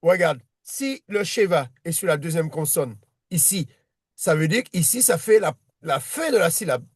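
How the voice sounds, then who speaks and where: A man's voice: a little high, expressive, moderate pace, slightly rough, no echo, studio quality. A man teaching a one-on-one reading lesson, patient and repetitive, often restarting his sentences. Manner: patient, repeats himself, many restarts.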